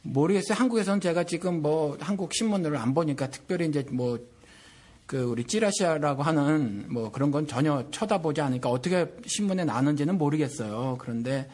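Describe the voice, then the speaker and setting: Earnest Korean pastor, slightly high voice. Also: male voice, expressive, fairly quick, darkish tone. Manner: earnest, indignant, thinks aloud with many fillers. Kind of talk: casual radio talk. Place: lives in Texas, USA.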